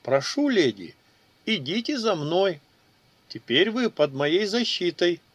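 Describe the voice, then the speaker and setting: A man voicing a smooth-talking male warrior who coaxes and flatters. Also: high voice, slow pace, voice pushed up, heavily acted. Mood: ingratiating. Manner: sweet-talking, ingratiating.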